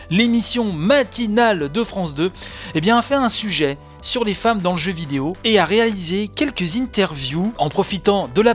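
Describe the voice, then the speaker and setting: Male podcast host, high voice, jokey self-mocking patter over faint music. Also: a bit bright. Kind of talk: daily gaming news podcast.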